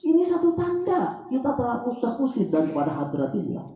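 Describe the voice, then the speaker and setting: A man preaching an Islamic sermon, rising into loud pleading prayers and then dropping low and slow. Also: wildly swooping pitch. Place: Islamic boarding school hall. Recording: very echoey hall.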